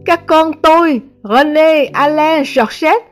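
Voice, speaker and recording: A woman's voice: high-pitched, slow pace, pitched above the performer's own voice. Woman crying out as a desperate mother. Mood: pleading.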